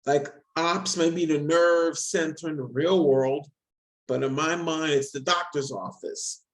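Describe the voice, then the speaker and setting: A man in his forties chatting casually on a video call, rambling quickly and self-deprecating. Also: fairly high pitch, steady tone, low-quality recording. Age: 40s. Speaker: discussion guest.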